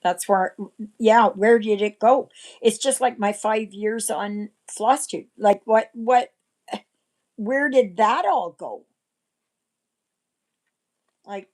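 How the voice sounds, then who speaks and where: A woman in her sixties hosting a casual livestream chat, rambling and often clearing her throat. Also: a little high, a little mellow, rough recording. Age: 60s. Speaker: livestream host.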